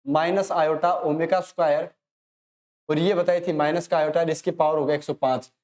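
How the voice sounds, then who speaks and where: An Indian man teaching maths online, working through problems in a chatty way and urging students to pause and try. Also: a little high, fairly even intonation, a little mellow. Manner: chatty, talks to students as if they ask questions; encouraging, urges students to pause and solve. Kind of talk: online lesson, solving problems.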